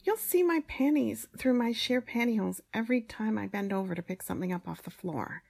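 A woman playing a grudging, teasing maid in an intimate audio role-play, with exasperated, breathy asides and a husky, creaky voice. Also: fairly high pitch, a little fast, darkish tone. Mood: embarrassed, grumbling.

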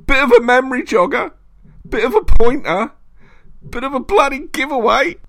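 A man voicing a vengeful, hateful male spirit in an audiobook, rasping and menacing, building to bellowing rants. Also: a little high, lively intonation, unhurried, fairly bright tone, no echo, clean studio sound, voice pushed up. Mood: ranting. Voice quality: rasping, hissing voice. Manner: menacing, rising to bellowing shrieks. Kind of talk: audiobook character voice.

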